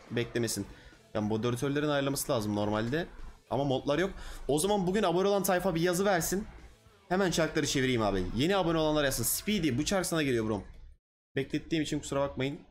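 A man's voice: a little high, lively intonation, fast, faint music behind. Blunt slangy male streamer. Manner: blunt, slangy, addressing chat directly. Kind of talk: casual livestream chat.

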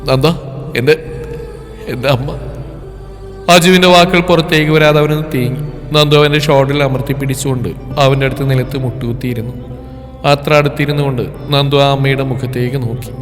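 A man reads a scripted story aloud in a soft, unhurried, tender manner. His voice sits at an ordinary middle pitch. The recording carries a long reverb tail with faint music in the background. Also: little pitch movement.

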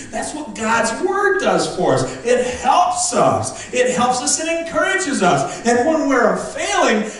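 A man preaching a lively, joking sermon as pastor, acting out how his congregation answers him. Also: very high voice. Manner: lively, jokey preaching that acts out congregation responses. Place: church sanctuary. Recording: very echoey room, distant mic, faint noise.

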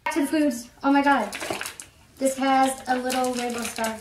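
A woman's voice: high-pitched, fairly even intonation, normal speed, noisy background. A young woman chatting casually through a snack unboxing, bubbly and repeating "really" for emphasis. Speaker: vlogger. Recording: echoey room, a bit far from the mic.

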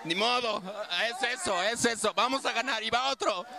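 A man's voice: extremely high pitch, moderate pace, creaky, bright, forceful tone, a little hiss or hum. A man with a Mexican accent, a football fan close to tears and talking in an emotional, heartfelt way.

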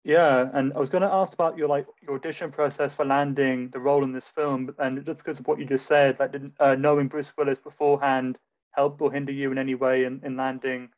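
Male podcast-style host, monotone delivery, hesitant questions, muffled lo-fi mic. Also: medium pitch, brisk. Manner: hesitant, rambling questions with fillers. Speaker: interview host. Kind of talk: casual interview. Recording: dull lo-fi sound.

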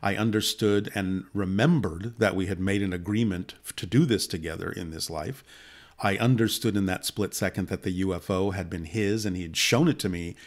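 Low-voiced man in his sixties, steady storyteller. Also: moderate pace. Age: 60s. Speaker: guest. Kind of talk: long personal account in conversation. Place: indoor studio set. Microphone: boom-mounted studio mic close by.

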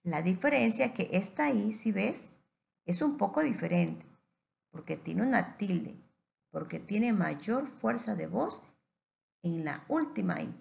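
Slow, gravelly-voiced woman teacher. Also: medium pitch, animated, darkish tone. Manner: patient, stretches out words slowly for the child. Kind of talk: recorded phonics lesson for young children.

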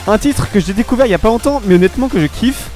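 Rambling French web radio host. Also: male voice, high voice, lively intonation, rapid-fire, a little mellow, soft background music. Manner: rambling, keeps promising to come back to topics; many hesitations and restarts. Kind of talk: casual solo radio-style chat.

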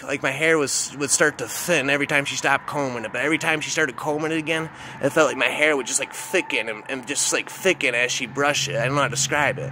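Calling his listener "man" again and again, a man rambles casually through a grim first-person tale full of side comments. He speaks at a medium pitch, with background noise behind him.

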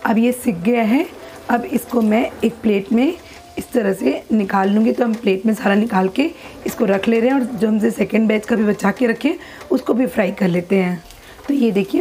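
A cooking channel host with a mellow, slightly high voice demonstrates a recipe step by step at a gas stove in her home kitchen. Her instructional talk is unhurried and repetitive. The audio is poor, with slight background noise.

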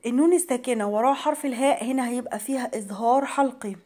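Egyptian lady teaching quran recitation, slightly high soft mellow voice, chants slow then explains fast and patient. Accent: Egyptian Arabic. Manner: patient, drawn-out chanted verses, then brisk colloquial explanations. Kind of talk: tajweed lesson, slow chanted recitation between quick explanations.

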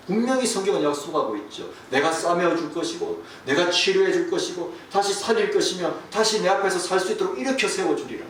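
Preaching man in an echoey hall. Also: sits high. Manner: storytelling preacher, drops to a hush and then rises. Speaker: pastor. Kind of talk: sermon. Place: church sanctuary. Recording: distant, echoey room with faint hiss.

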